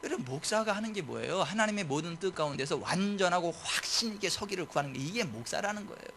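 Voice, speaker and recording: Man, pastor, sermon, high voice, bright edge, impassioned, shouted declarations, rhetorical questions. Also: expressive, fast, a little hiss or hum. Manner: impassioned, swings between soft asides and loud shouted declarations.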